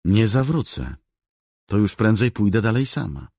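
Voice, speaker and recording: A man's voice: on the low side, big pitch swings, moderate pace, vocal fry, a little mellow, breathy edge, no room sound, studio quality, pitched above the performer's own voice, full character voice. A man voicing a stubborn young woman officer who speaks curtly and coldly in an audiobook. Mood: defiant. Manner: curt, cold and determined. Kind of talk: audiobook character voice.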